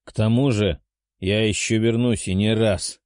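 A man voicing a calm, protective young man in an audiobook, in a plain, level tone. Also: on the low side, unhurried, dry recording, studio quality, natural voice. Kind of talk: audiobook character voice.

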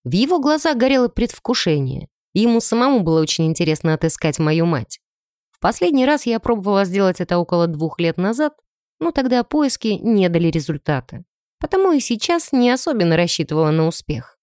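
A woman narrating a first-person audiobook in an expressive storytelling manner. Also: mid-range voice, a little fast, dry recording, clean studio sound.

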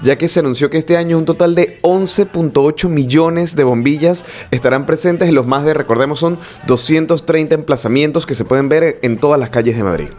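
A man's voice: fairly high pitch, brisk, few pauses, a little mellow. A man giving an informative report as a contributor on a radio show. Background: music bed.

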